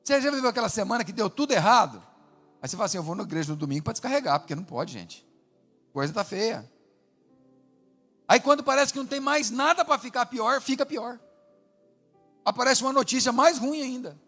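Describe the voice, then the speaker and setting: High-voiced preaching pastor, man. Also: fairly quick, pauses often. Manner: animated preaching with acted quotes, rising and dropping to a hush. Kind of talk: sermon. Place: large church hall. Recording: long hall reverb with faint music.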